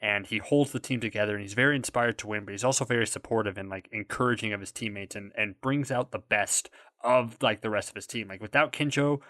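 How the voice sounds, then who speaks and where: A man's voice: fairly low pitch, fast talker, pushed and bright, dry recording, studio quality. A man co-hosting a podcast, chatting casually and enthusiastically about a show. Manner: enthusiastic, laughs easily. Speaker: podcast co-host.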